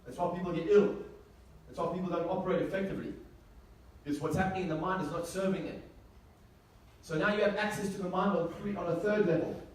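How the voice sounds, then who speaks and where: This high-voiced motivational speaker from South Africa talks fast with fairly even intonation, broken by long pauses. Emphatic before a live audience, he repeats key phrases and asks rhetorical questions; the distant mic picks up room echo and faint noise in the indoor venue.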